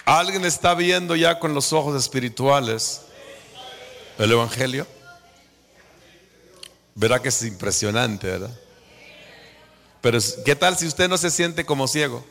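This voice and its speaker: A Guatemalan man with a Guatemalan Spanish accent preaches in a gravelly voice with a rough edge of fry. His delivery is unhurried and deliberate, and it swings from hushed whispers to fervent shouts. The sound carries the long echo of a large hall. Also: mid-range voice. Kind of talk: sermon.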